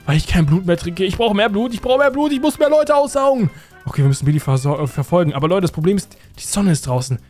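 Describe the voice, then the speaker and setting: Excitable high-pitched man hosting a game video. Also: fast talker, faint music behind. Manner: excitable, addresses viewers constantly. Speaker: host. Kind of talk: Minecraft role-play let's play.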